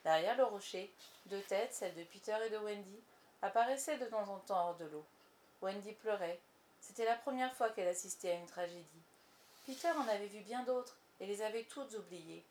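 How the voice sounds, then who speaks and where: Sex: woman. Role: narrator. Style: storybook reading, measured. Pitch: mid. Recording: faint background noise. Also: a little mellow.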